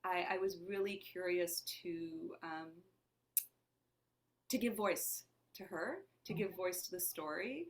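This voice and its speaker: A woman with a fairly low voice speaks slowly in a conversational interview. Born in Lebanon with Armenian as her first language, she is an actor and playwright, and she sounds thoughtful and searching, asking herself questions aloud.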